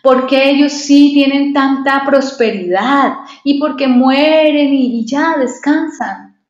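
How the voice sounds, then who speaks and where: A woman with a fairly high voice teaches a devotional Bible study. She reads a verse, then questions her listeners to draw out its meaning. The sound is echoey and dull, like a lo-fi room recording. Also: slow pace. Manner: explains verses with many rhetorical questions.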